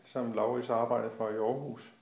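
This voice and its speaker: A man's voice: medium pitch, level tone, darkish tone, lo-fi sound. A middle-aged Danish man in casual family chat, asking questions and musing aloud. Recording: echoey room.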